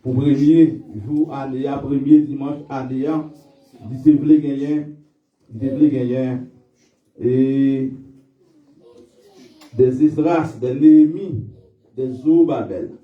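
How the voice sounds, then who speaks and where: A man preaching a sermon in church, calling out to his congregation for responses and reading scripture slowly and emphatically. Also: mid-range voice, fairly even intonation. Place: church sanctuary. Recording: echoey hall, distant dull mic.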